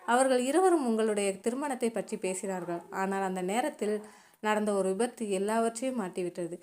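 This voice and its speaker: A woman narrator voicing a calm older man who speaks slowly and gravely. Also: medium pitch, close to an everyday voice. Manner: slow, calm, measured. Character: older man, calm, slow-spoken confidant.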